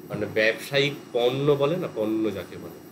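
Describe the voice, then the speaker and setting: A man's voice: on the low side, a little fast. A male teacher with a West Bengal Bengali accent, lecturing in a class and explaining terms at length with English words mixed in. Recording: air conditioner hum behind.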